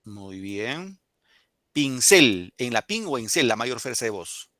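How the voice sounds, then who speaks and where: A man's voice: medium pitch, very animated, unhurried, a bit bright, no room sound. A male teacher with a Peruvian Spanish accent explaining a poem and questioning his students in a classroom lesson. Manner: explains and questions students, reads poems aloud.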